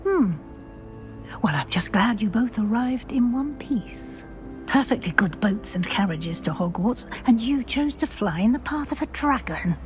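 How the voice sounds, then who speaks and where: In a game cutscene over clear orchestral music, a stern, proper older professor speaks in a fairly high voice with lively intonation. Crisp and businesslike, she keeps things moving with clipped, no-nonsense authority.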